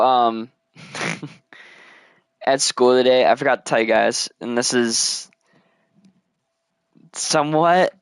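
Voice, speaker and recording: A man's voice: medium pitch, clean tone, dry recording, clean studio sound. A man chatting casually while playing a building game, rambling and mumbling counts under his breath. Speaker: gamer. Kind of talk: casual let's play commentary.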